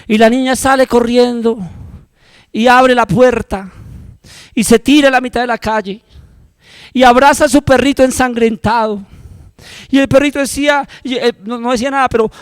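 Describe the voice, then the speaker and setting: A man with a Colombian accent preaching a sermon as pastor, passionate and moving between hushed, intimate passages and loud, urgent ones. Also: extremely high pitch, fairly even intonation, normal speed, pauses often, smooth, dry recording.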